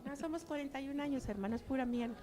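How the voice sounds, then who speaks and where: A woman's voice: sits high, fast talker, dark tone. An older woman giving a chatty personal testimony to her church, acting out remembered dialogue.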